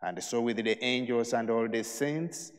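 A man, a priest, intoning the prayers of Mass in a solemn, measured way, with a cathedral echo around his voice. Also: mid-range voice. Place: large church. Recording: long church reverb.

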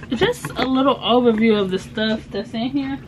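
A woman's voice: on the high side, normal speed. A young woman vlogging in a cluttered basement storage room, talking casually to the camera and rambling when unsure. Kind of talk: casual vlog. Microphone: handheld camera close up. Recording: noisy home video.

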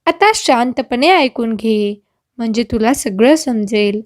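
A calm, patient young husband, as a woman storyteller puts him on. He soothes in an unhurried, high voice, recorded close and dry. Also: dry recording. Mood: soothing.

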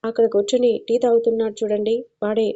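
Woman reading as a deferential male informer, eager, flat pitch, dark dull sound. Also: fast, natural voice.

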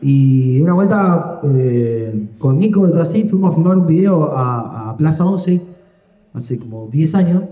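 Young Argentine male comic, rambling self-deprecating storyteller, highish voice. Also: lively intonation, measured pace, warm tone. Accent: Argentine Spanish. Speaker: stand-up comedian. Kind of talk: live stand-up storytelling. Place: comedy stage. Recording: echoey live room.

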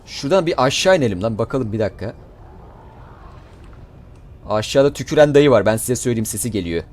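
Excitable male gamer with a lively voice. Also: medium pitch, a little fast. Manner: excitable, swearing, shouting at enemies. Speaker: gaming YouTuber. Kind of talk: let's play commentary.

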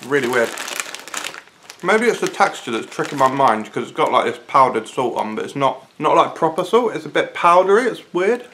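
A British man with a slightly high voice talks informally to camera as a food reviewer. He mulls things over aloud in casual, everyday language. The recording comes from a living room, with faint noise and packet crinkle behind him. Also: sing-song, normal speed, a bit bright. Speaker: food reviewer, video host. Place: small living room, sofa, indoors.

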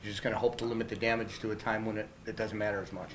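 After a game, a middle-aged baseball manager fields reporters' questions in a small press room in front of a logo backdrop, talking candidly with many fillers and restarts. His lowish voice has little pitch movement and comes out very fast. Several handheld reporter mics are held close, and the recording quality is low.

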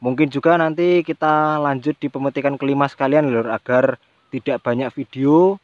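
A man's voice: medium pitch, fairly even intonation, normal speed, no echo, lo-fi sound. A man, a chili farmer giving a casual tutorial vlog outdoors in his field and chatting to viewers with a friendly filler word. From Central Java, Indonesia. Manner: chatty, addresses viewers as "Lur" often.

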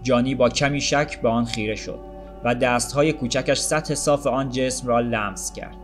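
A man reads a literary short story aloud in a calm, measured way. His voice sits at an everyday middle pitch, and faint music plays softly beneath him. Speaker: audiobook narrator. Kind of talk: storybook reading.

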